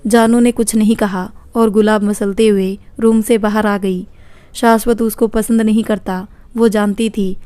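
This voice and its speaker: A woman storyteller reading a scripted story in a calm, even manner. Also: medium pitch, no echo.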